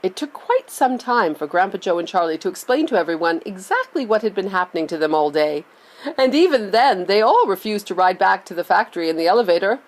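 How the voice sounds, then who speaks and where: A woman reading a children's novel aloud, expressive and lively. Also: mid-range voice, a little fast. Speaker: reader.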